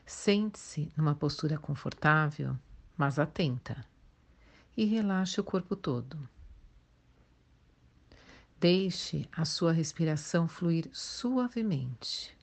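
A Brazilian woman leading a guided meditation in a soothing, gentle way, leaving long pauses. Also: sits low, expressive. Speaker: guided meditation instructor for children and teenagers.

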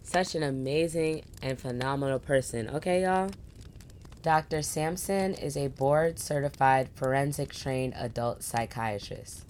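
Very deep-voiced effusive woman host. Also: unhurried, darkish tone, a little hiss or hum. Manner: effusive, peppers speech with "y'all" and "like". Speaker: podcast host. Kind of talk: podcast interview.

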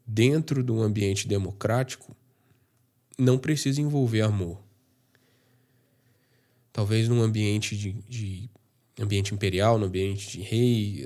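A man's voice: on the low side, darkish tone. A man giving a casual, conversational Bible reflection, thinking aloud with fillers and slang. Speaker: Bible study presenter.

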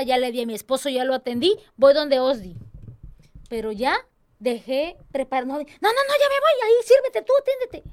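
A young woman with a high, bright-pitched voice talks earnestly about serving in her church's tambourine dance ministry. She speaks expressively and slips into little voices when quoting others. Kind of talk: casual church talk interview.

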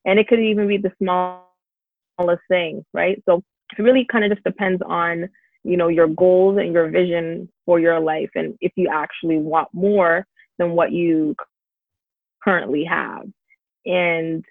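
A Canadian success coach answers interview questions in an earnest, upbeat way, filling her speech with lots of "um" and "you know." Her voice is on the low side, fairly even and a little slow, with vocal fry, heard on a dry, tinny, phone-like recording.

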